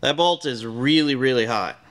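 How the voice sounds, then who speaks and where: A middle-aged man hosts a workshop show from a large indoor garage, explaining things plainly and step by step while working with his hands. His voice sits in the mid range with a fairly bright tone, and he talks at a normal speed in a matter-of-fact way.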